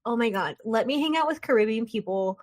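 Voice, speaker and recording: A young woman hosting a podcast, chatty and animated, drifting into tangents and acting out quick voices. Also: fairly high pitch. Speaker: podcast host. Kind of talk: casual podcast conversation.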